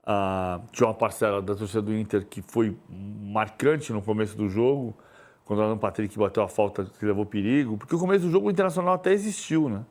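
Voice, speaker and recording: A man's voice: on the low side, quick pace, darkish tone. A Brazilian man talking as a sports commentator in a studio debate, rambling and repeating words as he thinks. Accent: Brazilian Portuguese.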